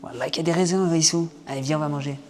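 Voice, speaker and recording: Chatty French-speaking man with a slightly high voice. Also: very fast. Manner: chatty, addresses viewers as "les gars"; hesitant, many "euh" fillers. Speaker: travel vlogger. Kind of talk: casual travel vlog to camera. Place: outdoors in a city and in a vehicle. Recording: noisy outdoor vlog audio.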